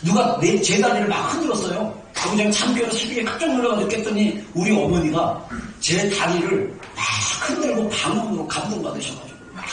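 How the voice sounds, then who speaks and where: High-voiced preaching man in echoey church. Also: a little hiss or hum. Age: 50s. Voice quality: naturally high-toned voice. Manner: animated, swings from soft asides to shouted emphasis. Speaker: pastor. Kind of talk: sermon. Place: church sanctuary. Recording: echoey room, distant mic.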